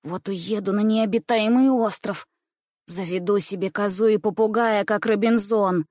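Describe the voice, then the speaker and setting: A woman voicing a small, stubborn little boy who squeaks and grumbles, in a storybook reading. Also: steady tone, moderate pace, a little mellow, dry recording, clean studio sound, natural voice. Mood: grumbling. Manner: squeaky when defiant, grumbling.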